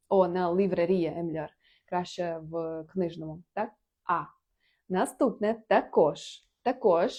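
A woman giving a casual online Portuguese lesson in Ukrainian, reading out example phrases slowly and then translating each one. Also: on the low side, a little mellow. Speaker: Portuguese language teacher.

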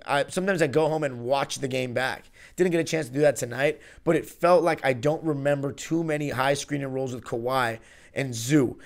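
A young man in his twenties hosting a solo basketball podcast, breaking down a game like a fan, often correcting himself mid-sentence. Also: mid-range voice. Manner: rambling, self-correcting, fan enthusiasm. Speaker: podcast host. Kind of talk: solo postgame basketball analysis. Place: small room before a virtual arena backdrop. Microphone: studio mic on a stand in front of him.

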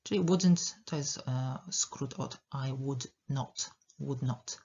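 Slow, careful woman teaching English. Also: a bass voice, warm tone, husky, dull audio. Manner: slow, careful, repeats words for pronunciation. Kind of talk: language lesson.

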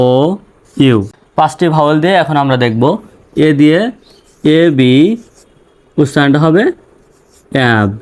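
A smooth, medium-pitched male voice with a Bangladeshi accent works through English phonics. He names the letters first, then sounds out every word in unhurried, patient repetition.

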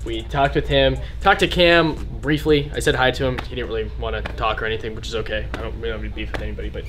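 Casting: vlogger, man in his twenties, mid-pitched, slangy casual host chat, music behind. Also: fairly even intonation, fast, a bit bright. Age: 20s. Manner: vlogger addressing viewers. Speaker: vlog host, sneaker store owner. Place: indoor sneaker shop.

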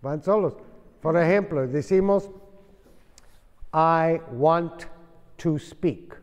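Male teacher, unhurried and patient, mellow voice, classroom echo. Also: on the high side. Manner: slow, patient explaining, switching between Spanish and English. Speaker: English teacher. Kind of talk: classroom lesson in Spanish and English.

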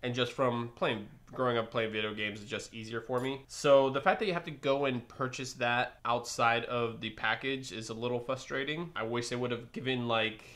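Young man, bright forceful voice, mid-range pitch, chatty candid review, seated indoors at a desk. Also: steady tone, moderate pace, few pauses. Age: young adult. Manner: chatty and candid, with small laughs. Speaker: video creator reviewing a drone. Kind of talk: casual unboxing review. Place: indoor room with a desk and framed photos on the wall.

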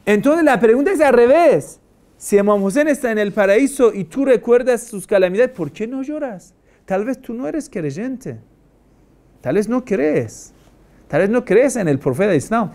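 A man's voice: high voice, sing-song, normal speed, warm tone. Man preaching with emphatic rhetorical questions. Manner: asks many rhetorical questions; emphatic, repeats phrases for stress. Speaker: Shia cleric. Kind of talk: religious lecture.

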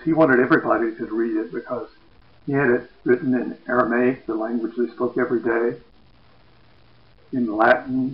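A man preaching, retelling a scripture story slowly and dramatically. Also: medium pitch. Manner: slow, dramatic retelling, lively quoted voices. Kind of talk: sermon narration of scripture. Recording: echoey, dull sound.

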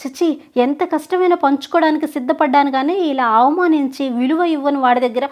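A woman's voice: sits high, fairly quick, a little mellow, natural voice. A woman voicing a proud young wife who answers back firmly in a told story. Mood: indignant. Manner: indignant, firm and reproachful. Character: hurt, proud young wife standing her ground. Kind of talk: storytelling with acted dialogue.

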